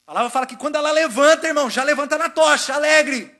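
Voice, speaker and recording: A male pastor from Brazil preaching a sermon in a church, exhorting the congregation to call back and swinging between loud proclamation and quiet asides. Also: very high-pitched, quick pace. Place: church sanctuary.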